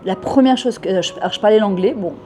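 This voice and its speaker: A French woman of about fifty who immigrated speaks quickly in a mid-range voice, with music playing underneath. In a casual interview she talks fervently and at length, slipping Hebrew words into her speech.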